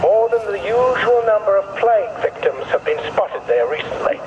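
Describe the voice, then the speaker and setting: Base loudspeaker announcer, high-pitched, formal and clipped, heard far off with game music behind. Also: male voice, animated, normal speed, dull audio, background noise. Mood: official. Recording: distant speaker over game music.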